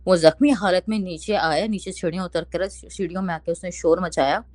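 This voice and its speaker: A young woman, casually telling a ghost story and quoting others in lively bursts. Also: fairly low pitch, a little fast, dry recording. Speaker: storyteller recounting a haunting.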